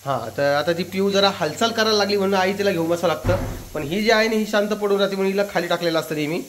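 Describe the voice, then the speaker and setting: A man's voice: high-pitched, quick pace, slight background noise. A man in his thirties from Pune, chatting casually to viewers and family as a family vlogger. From Pune, India. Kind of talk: casual vlog chat.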